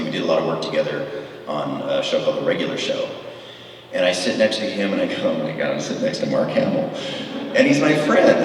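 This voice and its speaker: A middle-aged man with an extremely low voice tells enthusiastic, rambling stories full of fillers as a guest at a convention panel Q&A. The large hall is echoey, he's recorded from far off, and there's slight background noise.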